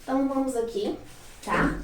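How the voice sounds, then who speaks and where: A woman's voice: high-pitched, fairly even intonation, normal speed, recorded from a distance, a little hiss or hum. A woman teacher with a Brazilian Portuguese accent giving a casual grammar lesson, often checking in with little tag questions. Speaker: English teacher. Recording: echoey room, voice a little off-mic.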